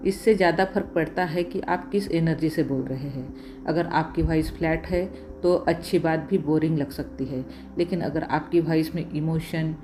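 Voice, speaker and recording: A woman giving scripted voice-over narration with steady, instructive delivery, counting off communication tips by number. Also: sits low, background noise.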